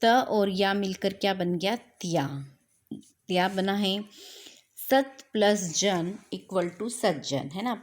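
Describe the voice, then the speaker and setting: A woman's voice: medium pitch, slow pace. Woman teaching grammar, keeps asking her own questions then answering, throws in english words. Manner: mixes English words into Hindi. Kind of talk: classroom lesson explanation.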